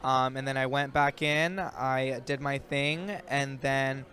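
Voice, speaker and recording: A man's voice: medium pitch, flat delivery, slow, pushed and bright. A young adult man, an actor guest, answering interview questions in a loose, rambling way full of ums and likes. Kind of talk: casual interview chat. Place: outdoors in a built-up area.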